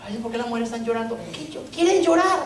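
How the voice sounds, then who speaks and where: A man's voice: very high-pitched, animated, quick pace. Brief: male pastor, humorous storytelling sermon, heard from a distance in a very echoey hall. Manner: joking, storytelling preacher with rhetorical questions. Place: church hall. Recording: echoey church hall, distant mic, faint noise.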